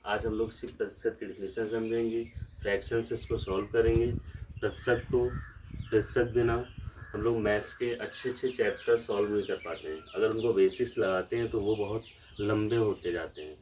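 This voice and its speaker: A man's voice: fairly low pitch, darkish tone, recorded from a distance, a little hiss or hum, poor audio. A man with a Lucknow Hindi accent teaching a maths lesson from a room in a village, explaining step by step and asking questions back to the class.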